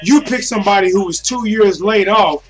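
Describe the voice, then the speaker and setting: A man with a noticeably high voice delivers unscripted boxing commentary. He talks casually and colloquially, addressing his listeners like friends as he works through his points. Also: normal speed, faint music behind, poor audio. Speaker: boxing commentator streaming to viewers. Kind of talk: casual off-the-cuff fight commentary.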